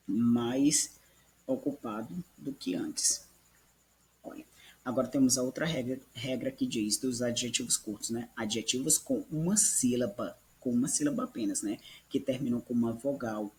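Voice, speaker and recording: A man's voice: medium pitch, a little slow, a little mellow. A man teaching English grammar in a recorded lesson, patiently repeating examples and checking in with listeners.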